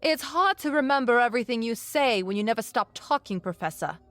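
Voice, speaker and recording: A woman's voice: on the high side, animated, fairly quick, a bit bright, dry recording. A woman voicing a young male alien field assistant who sounds exasperated, in a storybook reading.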